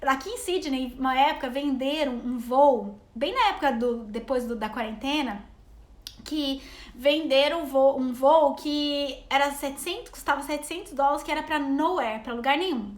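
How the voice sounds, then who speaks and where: A Brazilian woman in her thirties, a mother and travel vlogger, chats with viewers on a rambling live stream and reads out their comments. She speaks Brazilian Portuguese at a normal speed in a high voice, and the sound is roomy.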